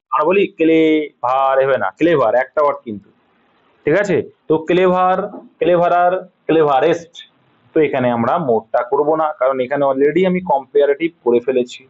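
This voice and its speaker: A man's voice: on the high side, a little fast. A man with a Bengali accent teaching an English grammar lesson, patiently repeating points and checking that students understand. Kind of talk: classroom lesson, explaining sentence corrections. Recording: dull lo-fi sound.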